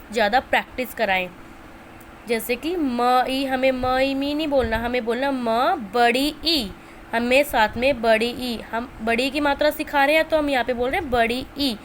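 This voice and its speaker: A woman teaching young children's letter sounds, stretching and repeating each sound slowly. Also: sits high, slight background noise. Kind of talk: Hindi lesson for teachers and parents.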